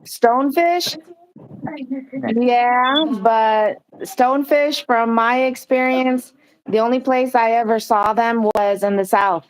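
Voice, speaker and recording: A woman's voice: on the high side, slow, rough recording. A middle-aged woman from Guam, hosting a live stream in casual, chatty talk.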